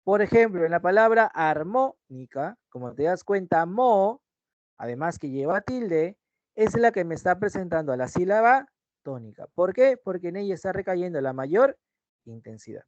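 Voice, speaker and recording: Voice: medium pitch, sing-song, moderate pace, no room sound, lo-fi sound. A teacher giving an online language lesson over a video call, explaining step by step and often checking in with short tag questions.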